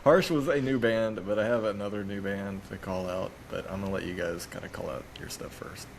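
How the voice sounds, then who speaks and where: A man's voice: fairly low pitch, steady tone, a little fast, creaky, slight background noise, low-quality recording. A man co-hosting a podcast in casual chat, teasing the others and laughing a lot. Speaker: podcast co-host.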